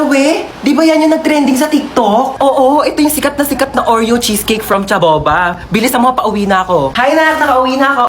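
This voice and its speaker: A woman's voice: on the high side, echoey room, background noise. A woman performing comic POV skits, switching characters with playful exclamations. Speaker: skit performer.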